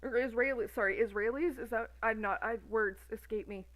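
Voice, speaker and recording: A woman's voice: a little high, brisk, a bit bright, poor audio. A woman in her thirties ranting on a stream in a profane, sarcastic, exasperated way. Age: 30s. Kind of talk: casual ranting commentary.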